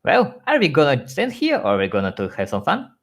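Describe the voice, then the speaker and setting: A man reading out pony characters' lines in a louder, animated voice for an audio fanfic. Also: fairly low pitch, normal speed, close to an everyday voice. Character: various pony characters, male and female.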